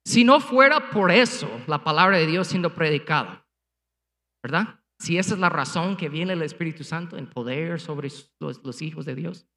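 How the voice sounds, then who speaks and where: A man's voice: a little high, animated, moderate pace, bright, forceful tone, long reverb tail. A man preaching a sermon as pastor, speaking emphatically with rhetorical questions and punchy sound effects before a congregation. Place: church sanctuary before a congregation, also streamed online.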